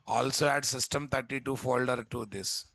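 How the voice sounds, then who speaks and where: In a live screen-share session run from his computer indoors, a man with a Telugu Indian accent teaches software in a blunt, casual way, often repeating points and posing rhetorical questions. His mid-range voice is steady, a bit bright, and carries vocal fry, delivered at a moderate pace.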